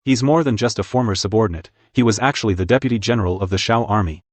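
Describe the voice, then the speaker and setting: A male actor plays an uneasy court official in a dubbed period drama. His voice sits on the low side and is recorded very dry. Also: fast talker, no echo, close to an everyday voice. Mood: anxious, deferential.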